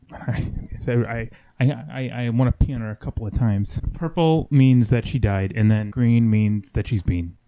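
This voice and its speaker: A man's voice: mid-range voice, moderate pace, warm tone. Goofy young man joking on a mic. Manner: jokey, goofy, laughs often. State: has hiccups. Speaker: podcast host. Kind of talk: casual late-night chat.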